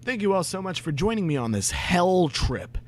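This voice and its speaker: A man's voice: high-pitched, very animated, moderate pace, a little hiss or hum. A young man streaming a comedic reading of fan fiction, breaking off into sarcastic, exasperated, profane asides.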